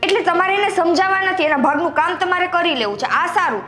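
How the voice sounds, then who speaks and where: A woman's voice: very high-pitched, fast talker, fairly bright tone. A young woman playing a fed-up, overworked younger daughter-in-law who complains sharply. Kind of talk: family drama acting.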